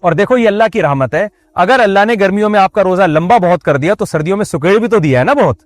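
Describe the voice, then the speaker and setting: A man's voice: sits high, expressive, quick pace, no echo. A man preaching a religious sermon in a conversational way, with joking asides to the audience. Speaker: Islamic preacher.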